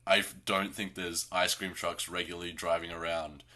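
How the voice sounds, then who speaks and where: A young man with an Australian accent co-hosting a podcast, sarcastic and deadpan. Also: low-pitched, normal speed. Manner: dry, deadpan sarcasm with laughs. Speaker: podcast co-host. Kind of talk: casual chat.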